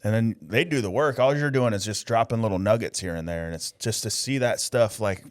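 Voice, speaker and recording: A man's voice: fairly low pitch, a little fast, dry recording, clean studio sound. A man in his late thirties hosting a podcast, talking in a laid-back, casual way with slang. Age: 30s. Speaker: podcast host. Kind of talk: casual conversational interview.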